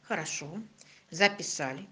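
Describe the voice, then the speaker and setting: A woman's voice: low-pitched, a little slow, sharp tone. A woman primary school teacher dictating to young children in a classroom lesson, repeating and stretching words in a didactic way.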